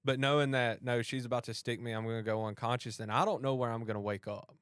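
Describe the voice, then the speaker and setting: Guy telling his story on a podcast, smooth voice, dry close sound. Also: medium pitch, quick pace, no room sound. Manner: animated retelling, acts out both sides of a dialogue. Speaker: podcast host and police officer. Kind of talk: storytelling in a casual conversation.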